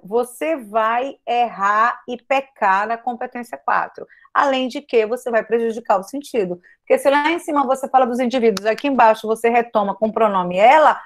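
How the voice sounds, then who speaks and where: High-voiced woman teaching a grammar lesson. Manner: emphatic, repeats points, addresses students directly. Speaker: writing teacher.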